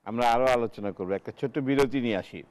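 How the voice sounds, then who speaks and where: A man from Bangladesh hosting a political talk show, briskly steering the panel with questions. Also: medium pitch.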